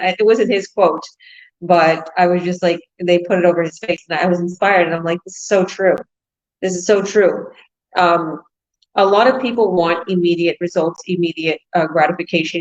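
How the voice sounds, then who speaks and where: Female host, lowish voice, dull audio, chatty and filler-heavy, on a video call. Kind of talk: casual online group call.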